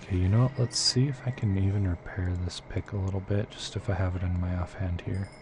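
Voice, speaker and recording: Low-voiced man chatting over game music. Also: fairly even intonation, quick pace. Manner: rambling, filler-heavy, thinking aloud. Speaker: live-streamer. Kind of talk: casual chat with viewers while playing.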